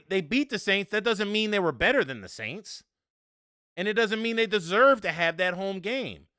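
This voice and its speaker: Animated male sports podcast host. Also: sits high, no echo, clean studio sound. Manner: animated, rhetorical and annoyed. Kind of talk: casual sports talk.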